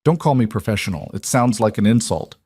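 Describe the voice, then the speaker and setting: A heartfelt, driven businesswoman bride delivers her vows with earnest conviction, as a male narrator reads her lines. The voice sits low and is close and dry, with no room around it. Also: animated, a little fast, darkish tone, breathy edge, no room sound. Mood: wry. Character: determined successful businesswoman making wedding vows.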